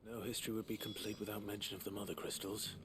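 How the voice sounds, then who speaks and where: An actor playing a calm, steady young male warrior in a video game, speaking in a measured, thoughtful way. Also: on the low side, natural voice. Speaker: game protagonist. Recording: game audio with background noise.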